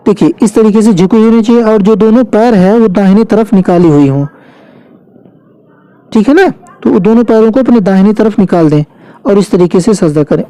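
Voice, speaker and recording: A man giving a patient, step-by-step spoken lesson, repeating key phrases slowly and carefully. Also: sits high, dark tone, smooth. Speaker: religious instructor. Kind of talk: instructional demonstration.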